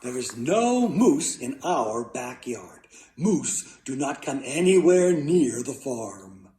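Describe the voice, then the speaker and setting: A man voicing a bossy, no-nonsense mother in a storybook reading, with high shrill exclamations. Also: big pitch swings, slow, warm tone, echoey room. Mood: stern.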